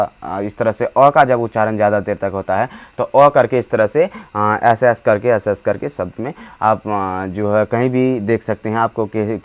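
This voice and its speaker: Male teacher explaining grammar for exam prep; halting delivery full of fillers, stretches vowels out to demonstrate them. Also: fairly low pitch. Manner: halting, many fillers and restarts. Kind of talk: hindi grammar lesson.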